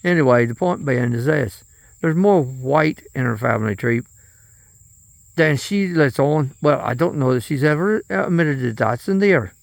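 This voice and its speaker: A man's voice: medium pitch, animated, unhurried, creaky, dry recording. A man delivering a rambling, profane political monologue, often trailing off and restarting.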